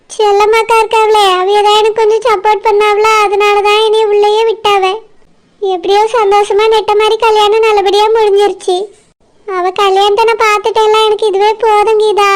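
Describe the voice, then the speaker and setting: Woman doing a humble pregnant village woman. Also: extremely high pitch. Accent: Kanyakumari Tamil. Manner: soft, modest.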